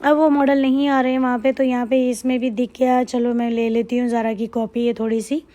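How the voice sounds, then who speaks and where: A high, mellow-toned woman talks through a casual vlog voice-over. Her throat is hoarse from a cold, and she rambles chattily, circling back to the same points again and again. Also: flat delivery, brisk. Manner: chatty, rambling, repeats herself. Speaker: shopping vlogger.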